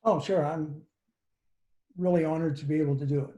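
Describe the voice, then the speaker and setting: An older man speaks as a guest on a video call. He stops and restarts often, and his voice is mellow and warm. The room around him sounds echoey. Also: fairly high pitch, fairly even intonation. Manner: halting, many restarts and fillers. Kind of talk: casual chat on a video call. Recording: roomy video call audio.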